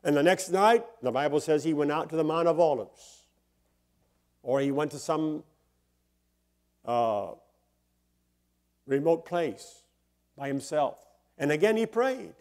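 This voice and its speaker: A man's voice: fairly high pitch, expressive, unhurried, long pauses, darkish tone. An older man, a pastor, preaching a sermon and telling personal stories in a conversational way, chuckling often and rising into emphatic bursts.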